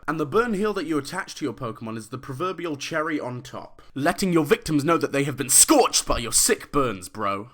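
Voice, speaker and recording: A young male YouTuber gives crude, mocking commentary with a sarcastic bite. His voice has a mid-range pitch and a bright, forceful edge. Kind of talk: comedic top-five commentary.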